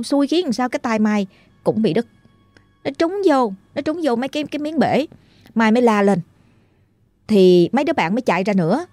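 A woman's voice: mid-range voice, mellow, no room sound. A woman telling a ghost story in a chatty, dramatic way, drawing out the tense moments. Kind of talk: casual storytelling.

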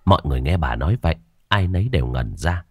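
A man narrating a ghost story in a steady, dramatic way. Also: a bass voice, fast talker, noisy background.

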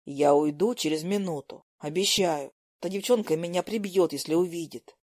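A woman voicing a cocky, teasing teenage boy who talks low and sly. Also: moderate pace, a little mellow, dry recording, clean studio sound, close to an everyday voice. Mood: sly, defensive.

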